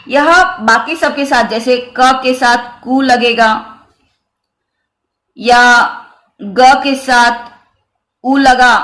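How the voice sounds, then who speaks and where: A woman teaching a lesson on the written letters, her voice sitting a little high. She talks very slowly and repeats each example with care. The room around her is echoey. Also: fairly bright tone. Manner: slow, careful explaining with repeated examples. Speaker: Hindi teacher. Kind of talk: grammar lesson on the Hindi script.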